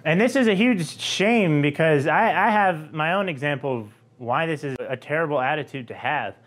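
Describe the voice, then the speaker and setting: A young man from Georgia with a light Southern accent, explaining a language topic to camera in a relaxed, conversational way with frequent fillers. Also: a little high, moderate pace. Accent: Southern US, softened. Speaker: linguistics video host.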